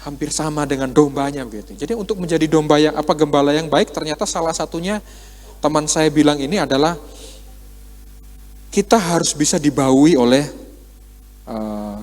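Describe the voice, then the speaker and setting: A man preaches in a relaxed, talking style, tossing rhetorical questions at the congregation and acting out little exchanges. His voice sits a touch higher than most men's. Long reverb from the church hall trails after his words. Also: moderate pace, pauses often. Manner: conversational, with quoted dialogue and rhetorical questions. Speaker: pastor. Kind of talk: sermon.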